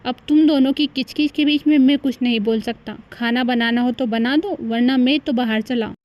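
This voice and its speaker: A woman's voice: a little high, normal speed, lo-fi sound, natural voice. A woman voicing a meek, harried young husband in a cartoon story, weary and pleading. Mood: exasperated. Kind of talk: cartoon voice acting.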